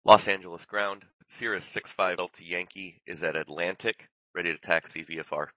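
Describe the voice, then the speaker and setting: Man, pilot, low bright voice, over a pilot headset, radio phraseology, dry sound. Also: steady tone, moderate pace, no echo, poor audio.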